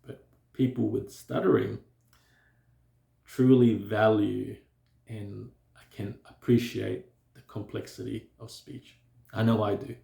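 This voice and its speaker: A vlogger with a stutter talks reflectively to camera about personal matters, speaking slowly with many pauses, fillers, and restarts. His voice is low, gravelly, and mellow with little pitch movement, and it echoes around the room.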